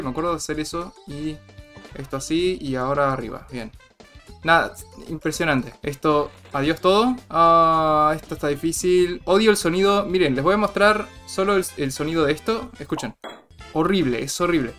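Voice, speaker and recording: A young man with an Argentine accent giving playful, boastful gameplay commentary to his viewers, with sudden excited yells. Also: a little high. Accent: Argentine Spanish. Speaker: gaming channel host.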